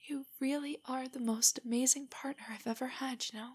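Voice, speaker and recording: Playing a nerdy young girlfriend in an intimate audio drama, a woman uses a fairly high, breathy voice with a darkish tone that often nears a whisper. She speaks a little fast with a steady tone, nervous, self-doubting and affectionate, hesitating and stammering. Her mood is shy and affectionate.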